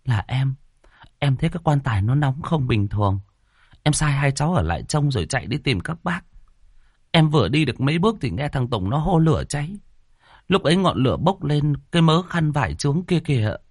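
A man voicing a grieving middle-aged village woman in a ghost story, with high pleading cries. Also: sing-song, a little fast, husky, no echo, clean studio sound, full character voice. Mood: explaining. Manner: wailing, high-pitched pleading.

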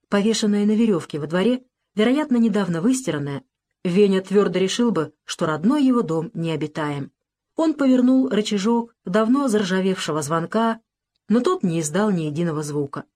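A woman narrating an audiobook in a measured, expressive storytelling manner. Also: fairly low pitch. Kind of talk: scripted narration.

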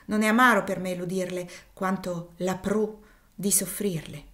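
Woman doing a young girl, earnest, frail, soft half-whisper, storybook voice. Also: on the low side, fairly even intonation, a little slow. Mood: firm.

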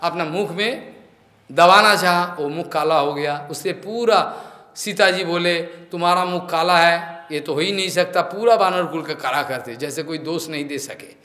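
A man's voice: fairly high pitch, moderate pace, pushed and bright. A male preacher giving a devotional scripture discourse in a temple hall, telling stories and acting out the characters' lines. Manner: storytelling, acting out quoted dialogue. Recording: echoey hall reverb.

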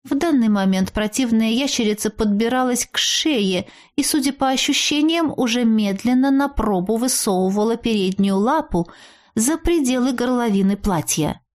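A woman reading a first-person audiobook aloud, lively and expressive, with playful irony. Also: on the high side, normal speed. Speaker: audiobook reader.

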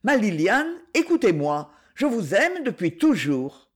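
An ardent, lovesick young man, pleading softly and tenderly, his voice sometimes muffled, as a woman narrator reads him. The delivery moves expressively up and down in pitch, in a storybook romance reading. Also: big pitch swings, unhurried.

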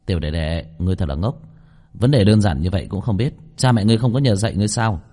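A man's voice: low voice, quick pace, dark tone. A man voicing a cheeky young man who teases and mocks in a smug tone. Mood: teasing. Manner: mocking, smug. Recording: long reverb.

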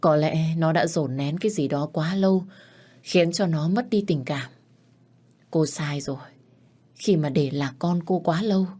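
A weary, regretful older mother gives grave, slow advice, as a woman narrating a storybook voices her. Her tone is low and heavy. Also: warm tone.

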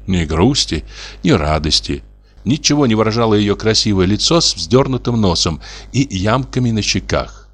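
Guy reading a classic story aloud, lowish voice, lots of melody, measured. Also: fairly bright tone. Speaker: audiobook narrator. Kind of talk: literary audiobook narration.

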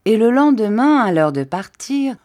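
A woman reading a classic novel aloud as an audiobook, in a measured, expressive way. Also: a little high. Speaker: audiobook reader. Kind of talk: scripted narration of a classic novel.

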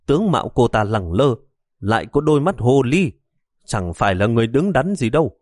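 A man's voice: mid-range voice, expressive, a little slow, a little mellow, no room sound, studio quality, close to an everyday voice. A man voicing a fussy, worried old mother who nags and scolds her grown son. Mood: scolding. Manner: scolding, fretful.

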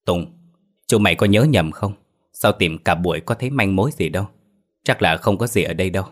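A doubtful young villager, speaking low and hushed as a male storyteller reads him. His deep voice questions and second-guesses. It sounds like a narrated mystery tale. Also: a little fast.

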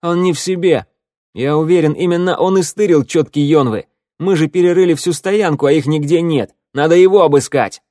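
A man doing a shrill, venomous young accuser. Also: slow pace, hardly any pauses, dark tone, dry recording, studio quality. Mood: accusing. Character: spiteful, cowardly young man, a sneering accuser.

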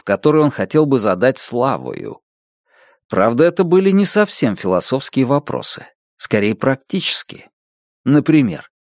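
A man reading an audiobook in a measured storytelling manner. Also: mid-range voice, a little mellow, dry recording, studio quality. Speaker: audiobook narrator. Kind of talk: scripted narration.

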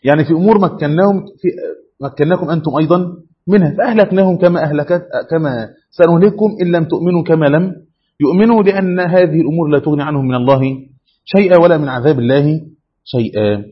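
A man's voice: a little high, very fast, slightly rough. A man with an Egyptian Arabic accent teaching a class as a sheikh, quizzing students and repeating himself to make them focus. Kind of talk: classroom lesson with questions to students. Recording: dull lo-fi classroom recording.

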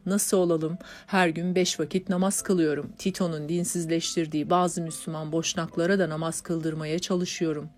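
A woman reading the part of a devout, gentle middle-aged father in an audiobook, in a calm, slightly lower tone. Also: normal speed, few pauses, natural voice.

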